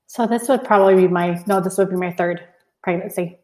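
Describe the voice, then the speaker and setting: A woman's voice: fairly low pitch, brisk, warm tone. A woman guest on a casual podcast who gives brief, understated answers.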